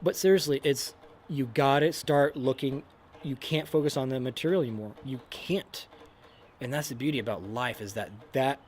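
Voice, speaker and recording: Young man, podcast co-host, animated casual delivery with acted-out quotes. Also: mid-range voice, moderate pace, a little hiss or hum. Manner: animated, acts out quotes, says man and dude a lot. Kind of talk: casual faith and motivation chat.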